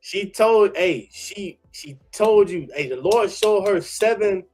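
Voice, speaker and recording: Excited slangy man reacting on stream. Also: high voice, slow, soft background music. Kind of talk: casual live reaction commentary.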